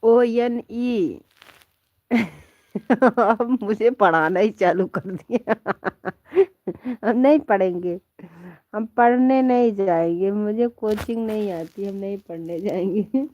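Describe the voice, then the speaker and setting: A woman's voice: medium pitch, slow, darkish tone, dry recording, muffled recording. A woman chatting playfully with viewers on a live stream from bed at home, laughing often and calling them her children. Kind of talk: casual live chat with viewers. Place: at home in bed under a quilt.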